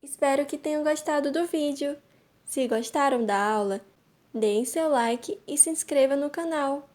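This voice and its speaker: A young adult woman narrating a language lesson, speaking clearly and deliberately and repeating each example slowly. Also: sits high, a little mellow. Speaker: Korean language teacher.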